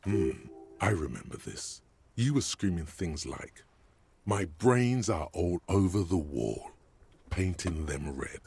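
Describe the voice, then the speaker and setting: A deep, sardonic inner voice. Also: male voice, animated, slow pace, creaky, darkish tone, husky, heavily acted. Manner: sardonic, needling. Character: smug male inner voice of a detective. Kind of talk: game voice acting and narration.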